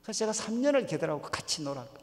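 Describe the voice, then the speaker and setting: A man preaching a sermon at a revival meeting in a church, telling stories and acting out quotes with sudden loud rises. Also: high-pitched, very animated, racing, in a large hall. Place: church sanctuary.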